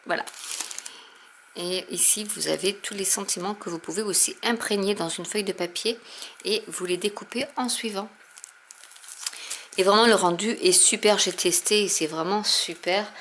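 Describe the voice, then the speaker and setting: Woman host, casual unboxing chat, mid-pitched voice, faint background hiss. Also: normal speed, fairly bright tone. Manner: chatty, many fillers, explains while showing products. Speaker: crafting channel host.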